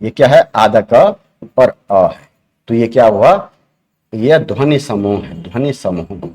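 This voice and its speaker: A man's voice: lowish voice, lively intonation, takes it slowly, darkish tone, slight background noise. Man explaining grammar step by step, repeating himself. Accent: Uttarakhand. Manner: explains step by step, repeating key terms and asking questions to the class. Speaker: teacher. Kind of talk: exam-prep grammar lesson.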